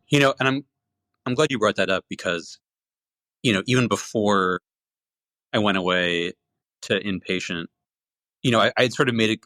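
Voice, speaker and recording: A man's voice: sits low, fairly bright tone, dry recording. A man speaking as a podcast guest, earnest and a little hesitant in a casual conversation. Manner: earnest, hesitant, with "you know" fillers.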